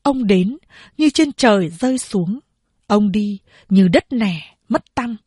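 Woman, story narration, steady and even, breathy, dry close recording. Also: mid-range voice, slow, no room sound.

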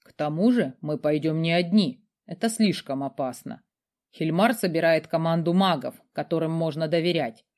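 A woman doing a young necromancer man, low-pitched, calm, confident, measured. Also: natural voice. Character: self-assured young male necromancer. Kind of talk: audiobook character voice.

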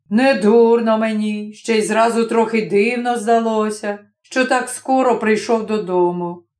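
A woman voicing a stubborn, sly middle-aged village man who mutters slowly to himself. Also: fairly high pitch, echoey room, lightly acted.

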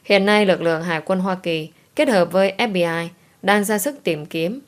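A woman reading an audiobook voices a formal TV news anchor who announces in a steady tone. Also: on the low side, normal speed, lightly acted.

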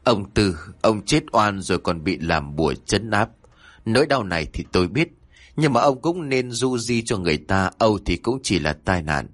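Man playing a deep-voiced grim old exorcist. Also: lively intonation, normal speed, fairly bright tone, no room sound. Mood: solemn. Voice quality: deep, somber. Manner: harsh, scolding. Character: stern older male exorcist, grim and accusing.

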